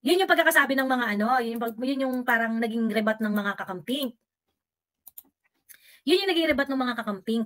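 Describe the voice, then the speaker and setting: A woman's voice: fairly high pitch, fairly quick, long pauses. A woman giving heated political commentary as a vlogger and livestreamer, sarcastic and mixing Filipino with English. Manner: mocks opponents by quoting them in exaggerated voices.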